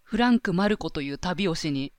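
A woman's voice: fairly low pitch, lively intonation, a little fast, dry recording, studio quality. A woman co-hosting a casual chat, speaking politely in an earnest, self-effacing way. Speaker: talk show co-host.

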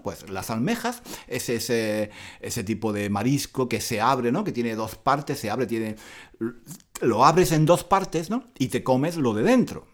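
A man from Spain hosts a relaxed podcast lesson, animated and prone to laughing. He repeats each word patiently so learners can follow. His voice sits at an ordinary middle pitch. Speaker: Spanish teacher podcast host. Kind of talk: casual explanatory podcast lesson.

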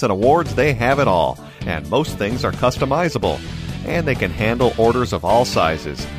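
A man reads an upbeat scripted ad in a salesy manner. His voice sits at a middle pitch, with clear guitar music playing behind it. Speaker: ad announcer. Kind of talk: scripted ad read.

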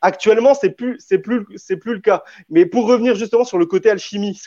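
A man's voice: sits high, brisk, dark tone, no echo. A man arguing in a debate, hesitant, often restarting and repeating words. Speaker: debate panelist. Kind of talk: spontaneous debate argument. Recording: dull, dry lo-fi audio.

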